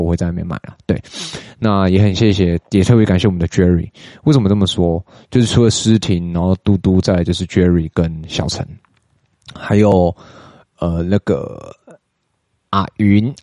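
A young man with a Taiwanese Mandarin accent hosting a podcast, chatting casually and getting animated as he retells a story, with slangy asides. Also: low-pitched, no room sound, studio quality. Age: young adult. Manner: chatty, animated when retelling, mixes in English words and Taiwanese swearing. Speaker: podcast host.

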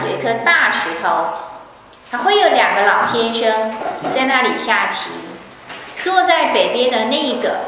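A woman's voice: a little high, sharp tone, a little hiss or hum. Woman voicing a grave male fortune-teller. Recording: echoey hall, far from mic.

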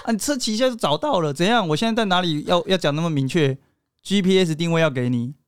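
A man's voice: a little high, lively intonation, fast, clear, resonant tone, no echo, close to an everyday voice. A man impersonating a sulky, demanding young woman who picks a fight with her boyfriend. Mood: whiny demanding. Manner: whiny, teasing and exaggerated.

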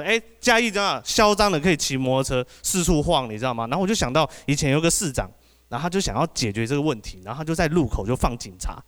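A man with a Taiwanese Mandarin accent doing an animated stand-up set, often asking the audience "you know?". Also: fairly high pitch. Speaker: podcast host doing stand-up.

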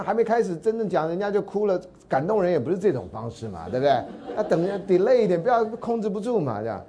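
A man's voice: medium pitch, dark tone, a little hiss or hum. A man with a Taiwanese Mandarin accent giving a university lecture, telling anecdotes in a chatty way, acting out the dialogue and often asking his listeners whether they follow. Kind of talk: storytelling lecture.

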